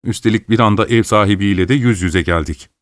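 A man's voice: fairly low pitch, brisk, dry recording. Man narrating an audiobook, dry sound.

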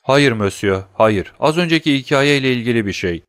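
A man voicing a humble, eager male prison doorkeeper in a storybook reading, speaking in a deferential, excited way. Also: medium pitch, moderate pace, smooth, no room sound, clean studio sound, natural voice.

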